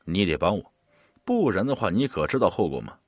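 Bottle ghost craving blood, coaxing and menacing, a man puts it on; swooping delivery, low-ish. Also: very animated, fairly quick, dry recording.

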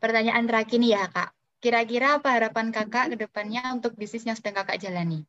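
Female host, short friendly questions, fairly high voice, muffled lo-fi sound. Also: fast, a bit bright. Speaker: interview host. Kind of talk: casual interview. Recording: dull lo-fi sound.

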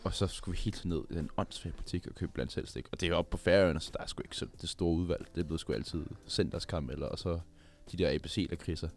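A man with a fairly low voice who talks emphatically in a relaxed group chat. He tends to repeat himself and rise in energy when making a point. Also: few pauses. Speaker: podcast co-host. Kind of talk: casual chat.

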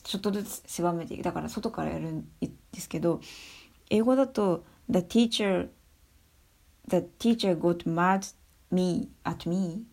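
A young adult woman giving her views in a casual spoken monologue, soft and thinking aloud with many fillers. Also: on the low side, fairly quick, creaky. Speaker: speaker sharing views on education.

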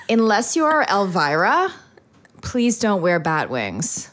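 Speaking slowly in a medium-pitched voice, this podcast co-host spins lively stories on a casual advice show. She laughs a lot and mimics herself as she acts out reactions.

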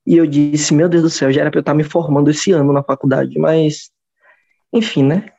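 This twenties-aged podcast host speaks with a Brazilian Portuguese accent, his voice on the high side, steady, fairly quick, and gravelly yet mellow with a slight roughness. Recorded in dull lo-fi, he chats casually, rambling and starting over as he muses.

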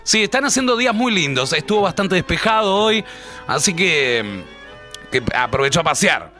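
Animated, bright-voiced Uruguayan radio host. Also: male voice, high-pitched, moderate pace. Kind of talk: casual comic radio banter. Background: background music.

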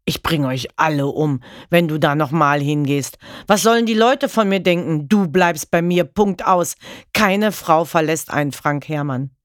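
A woman reading a story aloud and voicing a violent grown man who shouts and bullies his family. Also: deep voice, measured pace, no echo, clean studio sound. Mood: threatening. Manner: shouting, bullying.

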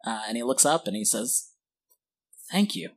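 A man acting as game master, improvising scene narration for a tabletop game in a halting, drawn-out way. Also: mid-range voice, breathy edge. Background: guitar music.

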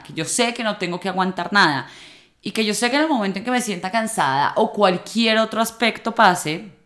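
A woman's voice: mid-range voice, a bit bright. Woman, late 20s, personal vlog talk, thoughtful and chatty with restarts. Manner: reflective, conversational, frequent fillers and restarts.

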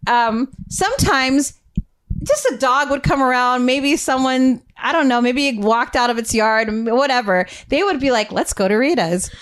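A woman hosting a family podcast, telling a childhood story in an animated way and laughing often. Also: high-pitched, moderate pace, clear, resonant tone. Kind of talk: casual family chat.

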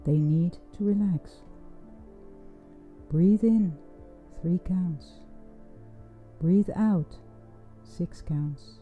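A woman leading a guided breathing meditation in a soft, soothing, unhurried voice with long pauses. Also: lowish voice. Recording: dull, muffled sound with music underneath. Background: music.

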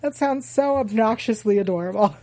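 A woman's voice: mid-range voice, brisk, warm tone. A woman hosting a casual TV after-show, chatting emphatically and repeating her points for effect. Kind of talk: casual TV recap chat.

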